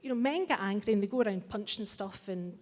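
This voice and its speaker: Fast-talking and expressive, a middle-aged Scottish woman gives an impassioned, blunt, and wry speech to a live festival audience. Her mid-range voice has a darkish tone, echoing with long reverb in a large hall.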